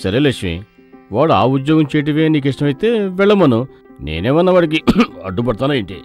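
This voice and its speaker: A man's voice: fairly high pitch, very animated, fast talker, a little mellow, soft background music. An actor playing a stubborn, dry-witted father in a film comedy scene, curt and dismissive. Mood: persuasive.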